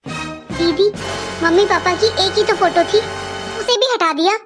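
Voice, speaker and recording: A woman voicing an outspoken young married sister in a cartoon, indignant and sharp-tongued. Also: very high voice, measured pace, music in the background. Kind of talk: cartoon voice acting.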